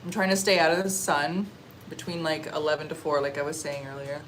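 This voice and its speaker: A young Canadian woman talks casually into her phone on a livestream, pausing to eat and hum with enjoyment. Her voice sits on the lower side and her manner is relaxed and chatty. A faint hum of ambient noise runs behind her. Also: poor audio. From Canada (Ontario). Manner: relaxed, chatty, eating on stream with murmurs of enjoyment. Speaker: livestream vlogger. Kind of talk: casual livestream chat reading comments. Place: outdoors or open space in a warm country.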